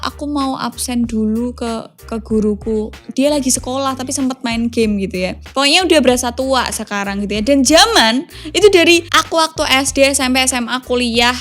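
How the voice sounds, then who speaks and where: Chatty high-voiced young woman. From Indonesia. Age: 20s. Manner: chatty, confiding, often adds tag questions to her listeners. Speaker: podcast host. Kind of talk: casual storytelling monologue.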